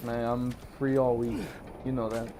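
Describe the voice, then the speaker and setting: A man's voice: medium pitch, level tone, normal speed, background noise. A young man streaming a game, chatting casually and rambling with lots of swearing and fillers. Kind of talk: casual chat while streaming gameplay.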